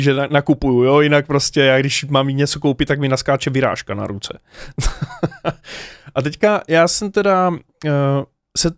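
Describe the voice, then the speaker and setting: A man telling a personal story in a casual, animated way, with many hesitations and direct asides to the viewers. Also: medium pitch, clean tone, no room sound, clean studio sound.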